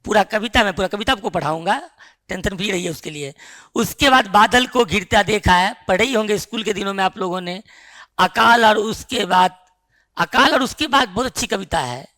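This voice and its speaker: एक पुरुष शिक्षक कक्षा में पाठ्यक्रम समझाते हुए, बीच-बीच में छात्रों से सवाल पूछता है।. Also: male voice, high voice, moderate pace, sharp tone. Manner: explains with rhetorical questions to the class. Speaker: teacher. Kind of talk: classroom lecture on the syllabus.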